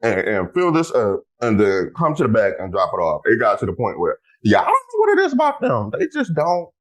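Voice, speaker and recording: Excitable, animated male podcast host. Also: mid-range voice, a little fast, poor audio. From Houston, United States. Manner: excitable, animated storytelling with playful asides. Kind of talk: casual chat.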